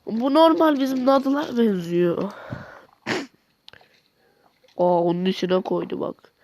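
A man's voice: high-pitched, animated, slow pace, darkish tone, no echo. A man giving a comic voice-over commentary, joking and mock-exasperated as he talks to himself. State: nauseous near the end. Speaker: video commentator.

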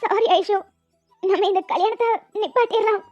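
A woman's voice: very high voice, fairly even intonation, moderate pace, darkish tone. A woman voicing a remorseful, jealous young woman who talks in an earnest, pleading way. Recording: dull lo-fi audio with music.

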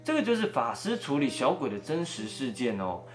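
A man's voice: mid-range voice, a little fast, faint music behind. A man narrating a first-person ghost story and acting out every quoted voice. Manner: animated, acts out every quoted voice.

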